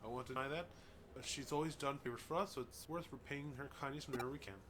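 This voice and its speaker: Talking fast in a medium-pitched voice, this English-speaking host does a let's play, casually reading the game's text aloud while stumbling on names and tossing in chatty remarks. The background is noisy, with loud music.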